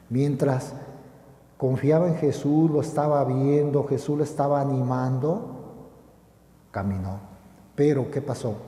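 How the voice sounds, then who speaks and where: A man's voice: medium pitch, warm tone. A middle-aged male priest giving a homily, speaking earnestly and directly to his listeners in a pastoral way. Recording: roomy hall with long reverb.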